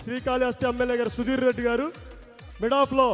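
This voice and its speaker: A man with a Telugu accent giving excited, exclamatory live cricket commentary, repeating stock phrases. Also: very high voice, racing. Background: music.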